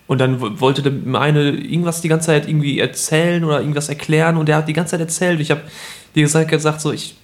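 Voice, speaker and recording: A young man in casual conversation, relaxed while telling a personal anecdote. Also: a little high, fast. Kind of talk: casual chat.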